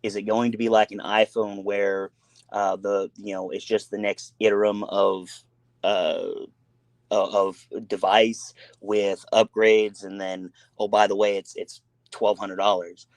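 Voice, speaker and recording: A man with a low voice hosts a casual gaming talk show. He rambles and restarts, pressing his points with fillers and emphasis. The sound is dry and close. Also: flat delivery, measured pace, no echo. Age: adult with a son.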